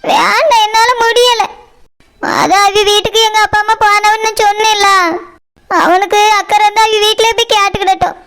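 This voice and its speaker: A woman's voice: very high voice, fairly even intonation, moderate pace, a bit bright, soft background music. A woman voicing a heartbroken young village woman in a cartoon, speaking sadly and reluctantly. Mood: tearful. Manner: sad, reluctant, pleading.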